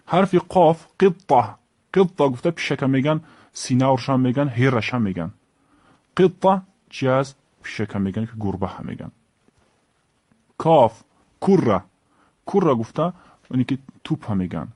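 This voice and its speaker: A man with a Tajik accent teaching the Arabic alphabet, saying each letter and word slowly and repeating it. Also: medium pitch, sing-song, darkish tone, no room sound. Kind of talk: alphabet lesson.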